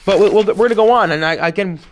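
A man teaching a class as a rabbi, reading passages aloud and explaining them in an animated way, with Hebrew and Yiddish terms mixed in. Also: high-pitched, fast talker, slight background noise. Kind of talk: lecture on a text.

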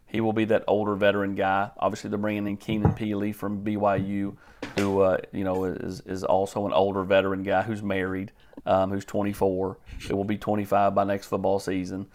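A man talking as a guest analyst on a sports podcast, measured and filler-heavy, often repeating words. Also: low-pitched, completely flat delivery, a little mellow. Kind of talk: casual podcast chat.

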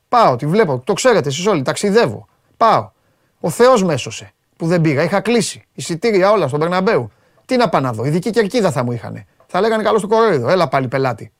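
A man delivering a satirical comic monologue about football, with mocking rants that jump from loud outbursts to low muttered asides. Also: no echo, clean studio sound. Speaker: comedian doing football commentary.

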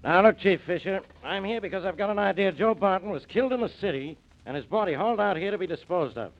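An actor in an old radio show playing a gruff, irritable city police inspector, brusque and clipped. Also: male voice, high voice, lively intonation, fast, soft background music. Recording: dull old radio recording with noise.

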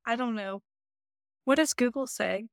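Woman, podcast producer, short dry remarks, higher pitch, dry recording. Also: a little slow, creaky, clear, resonant tone, dry recording. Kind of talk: casual chat.

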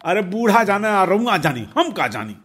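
A quick-tempered village wife, peevish and scolding, with a Bhojpuri accent, as a male storyteller puts her on. The voice is husky and raised in pitch. It belongs to a spoken storybook. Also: big pitch swings, a bit bright, soft background music, exaggerated voice. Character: irritable fussy village wife.

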